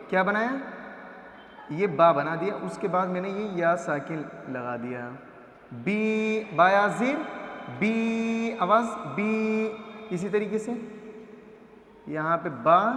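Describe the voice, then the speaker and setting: A man with a high-pitched voice leads a patient reading lesson, drawing out each letter sound as he demonstrates it. He stops often to check that his students follow. His voice rings through a roomy space with a long echo. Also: fairly bright tone. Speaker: teacher. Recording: echoey room with long reverb.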